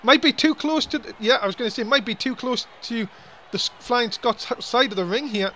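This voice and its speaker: High-voiced excitable male wrestling commentator. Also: a little hiss or hum. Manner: excitable, grumbling, quick exclamations.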